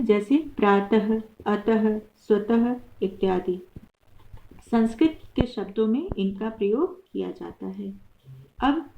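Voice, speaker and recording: A woman teacher giving a patient grammar lesson, explaining slowly with many examples. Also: medium pitch. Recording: tinny phone-like recording.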